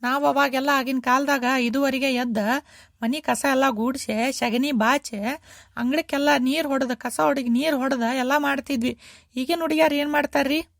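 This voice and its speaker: A woman's voice: fairly even intonation, normal speed, creaky, dry recording, studio quality. A woman voicing a nagging older mother-in-law in a cartoon, complaining and repeating herself in a North Karnataka accent. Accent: North Karnataka Kannada. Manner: shrill, complaining, repetitive.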